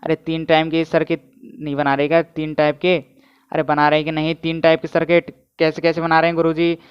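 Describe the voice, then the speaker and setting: Energetic physics teacher, flat tone. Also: male voice, fairly high pitch, fairly quick, clear, resonant tone. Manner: keeps asking students to answer and comment. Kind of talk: energetic online lecture. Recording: dull, muffled lo-fi audio.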